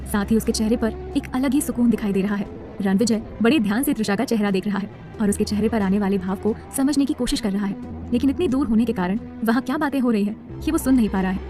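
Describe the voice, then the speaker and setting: A woman's voice: fairly high pitch, fast, warm tone, faint music behind. A woman narrating a serialized romance story in a scripted storytelling style.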